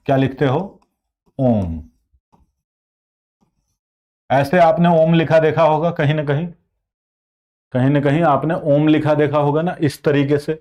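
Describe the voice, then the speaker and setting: A man's voice: fairly high pitch, darkish tone. A man teaching an online exam-prep class. He explains patiently, asks the class questions and then answers them himself. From India. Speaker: Hindi teacher.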